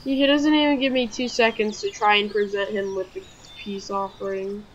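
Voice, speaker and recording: A woman's voice: mid-range voice, steady tone, normal speed, highs cut off, a little hiss or hum. A woman giving let's play commentary, jumpy and yelping when startled. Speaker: gamer.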